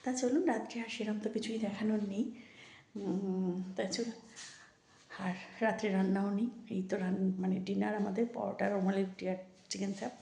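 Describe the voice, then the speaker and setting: A woman talks in a hushed, soft voice for her home vlog, her tone a little gravelly. The room around her sounds roomy, with a faint hiss of noise underneath. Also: medium pitch, steady tone, a little fast. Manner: hushed, soft-spoken so as not to wake a sleeping child. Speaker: vlogger. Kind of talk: casual home vlog chat. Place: at home, indoors.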